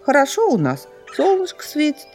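Excitable accusing magpie for a storybook, read by a woman; high, lively swings. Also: normal speed, soft background music. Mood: indignant. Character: fussy nosy female magpie, accusing.

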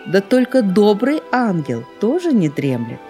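Serious old male fox, read by a woman; grave, slow delivery. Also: mid-range voice, huge pitch swings, mellow, soft background music, pitched above the performer's own voice.

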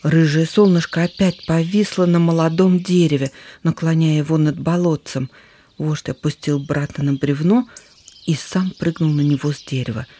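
A storyteller reading a children's animal tale aloud, lively and shifting voices for characters. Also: mid-range voice, moderate pace, slight background noise. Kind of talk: storybook narration.

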